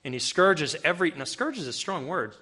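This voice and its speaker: Speaking briskly with big pitch swings, a man preaches conversationally to a live room audience in a bright, forceful, slightly high voice. He reads scripture and breaks into loud, emphatic bursts.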